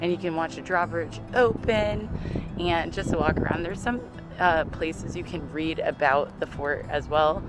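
Woman travel vlogger, low-pitched, chatty and upbeat, outdoors with music behind. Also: measured pace. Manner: chatty, enthusiastic, informal. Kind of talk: travel vlog narration. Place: outdoors in a historic old town.

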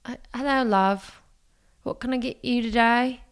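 A woman's voice: fairly high pitch, unhurried, clean tone. A woman voicing a chatty British woman shop assistant in a put-on British accent, who calls customers love and honey. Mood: chirpy. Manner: sweetly patronizing, calls people love and honey.

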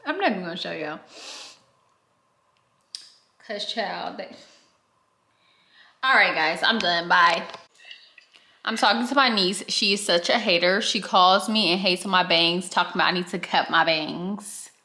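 A woman's voice: on the low side, unhurried, pauses often, sharp tone, roomy sound. A young woman chatting casually in a vlog at home, talking to her phone, slangy, laughing and dramatic. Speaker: vlogger. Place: at home, indoors.

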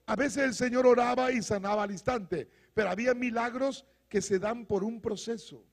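High-voiced preacher with gravelly edge. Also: male voice, normal speed. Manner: preaching with rising shouts and congregational call-and-response. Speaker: pastor. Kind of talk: fiery sermon. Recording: long hall reverb.

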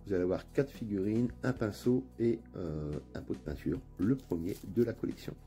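A man with a northern French accent hosts his own channel, narrating a casual unboxing in a chatty, relaxed way with lots of hesitations. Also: fairly low pitch, normal speed. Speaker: channel host. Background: faint background music.

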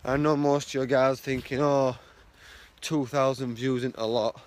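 A young man from the north of England speaks with a steady, darkish, medium-pitched voice at a measured pace, his blocked nose making him sound stuffy. Walking outdoors along a street to work, he vlogs casually into a phone held at arm's length, rambling with many fillers and repeating himself.

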